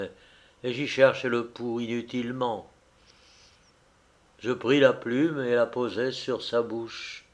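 A man narrating a literary audiobook in a measured, solemn reading. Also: medium pitch.

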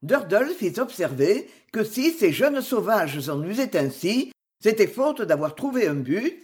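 A narrator reading a classic novel aloud in measured, expressive scripted narration. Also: mid-range voice. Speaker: audiobook narrator.

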